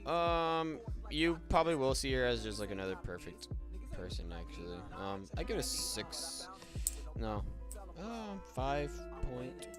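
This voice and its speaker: A man's voice: medium pitch, sing-song, unhurried. Hesitant young man with lo-fi beats. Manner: hesitant, full of ums and restarts. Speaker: co-host. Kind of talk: casual movie review chat. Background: lo-fi music.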